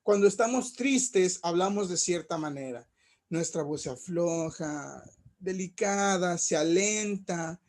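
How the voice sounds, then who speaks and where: A man's voice: sits high, slow, darkish tone. A man lecturing as a teacher, explaining with everyday examples and checking in with rhetorical questions. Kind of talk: recorded class lecture.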